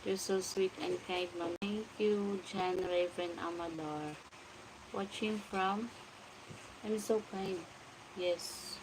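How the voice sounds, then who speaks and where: On a relaxed late-night livestream at home, a Filipino vlogger in her forties talks slowly with a steady, medium-pitched voice and a Filipino accent. She reads out viewers' comments and says hello to each by name over a noisy background.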